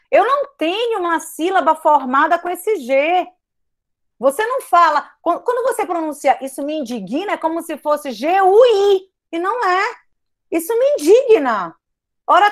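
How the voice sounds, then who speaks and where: A woman with a high, bright voice teaches a writing class online. She hammers each point with repetition and stretches key words for emphasis. She speaks straight to her students as if they were in front of her. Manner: emphatic, repeats points, addresses students directly. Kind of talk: online grammar lesson.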